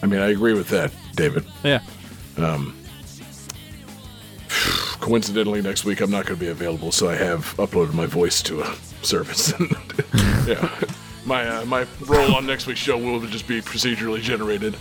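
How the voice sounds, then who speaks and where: A man's voice: on the low side, normal speed, a bit bright, soft background music. A man hosting a live game show podcast, joking around in casual chat with plenty of fillers. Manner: joking, laid-back, many fillers. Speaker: podcast host.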